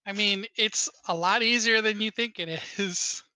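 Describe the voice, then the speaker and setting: Bright, teasing game master man. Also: high-pitched, unhurried, clean tone. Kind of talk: narrating a tabletop game.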